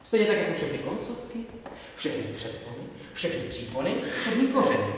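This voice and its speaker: A male stage actor playing a pompous, pedantic professor who lectures in a theatrical, declamatory way, swinging between soft and loud. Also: high-pitched, sing-song. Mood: insistent. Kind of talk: live theatre performance. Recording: echoey stage recorded from far off.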